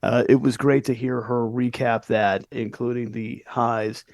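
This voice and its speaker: American man, middle-aged, relaxed podcast chat, mid voice, dry sound. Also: medium pitch, unhurried, gravelly, no room sound. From United States. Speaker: podcast co-host. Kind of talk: casual chat.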